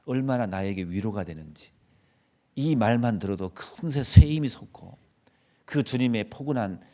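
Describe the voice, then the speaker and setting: A man preaching a sermon as pastor, rising to loud rebuking quotes and then dropping soft and gentle. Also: lowish voice, animated, moderate pace. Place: church sanctuary.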